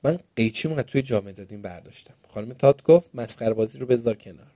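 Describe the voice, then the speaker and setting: A man's voice: medium pitch, dry recording. Man, storybook narrator, Persian accent, playful, dry close sound. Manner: lively first-person storytelling, playful. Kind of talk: storybook reading.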